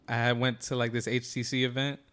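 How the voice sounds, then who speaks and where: A man's voice: medium pitch, little pitch movement, fairly quick, a bit bright, smooth. A man from New co-hosting a casual podcast, telling rambling stories in a laid-back way. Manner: laid-back storyteller, rambling with fillers and restarts. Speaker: podcast co-host. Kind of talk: casual chat.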